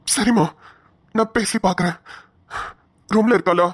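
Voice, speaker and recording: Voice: mid-range voice, measured pace, breathy edge, no room sound, clean studio sound. A voice actor playing an earnest, principled young husband in a cartoon, speaking colloquial Tamil Nadu Tamil. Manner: earnest, questioning, firm.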